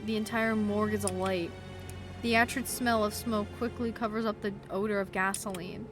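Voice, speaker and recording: At her home gaming desk, a young woman does a let's play on a desk microphone, reading the game text aloud and screaming and swearing in shock. When reading the game's narration, she shifts to a lower, quieter tone.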